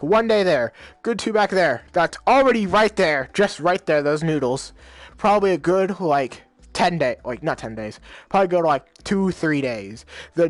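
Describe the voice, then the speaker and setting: Reading a visual novel's lines in his own high-pitched voice, a man fills the gaps with slangy, filler-heavy rambling commentary. The recording has no echo.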